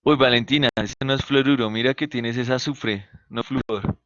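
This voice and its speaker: A man's voice: mid-range voice, steady tone, moderate pace, a bit bright, no room sound. Dull-sounding male teacher on a video call. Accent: Colombian Spanish. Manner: patient, asks questions and answers them himself. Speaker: chemistry teacher. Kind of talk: online class lecture. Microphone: computer mic on a video call.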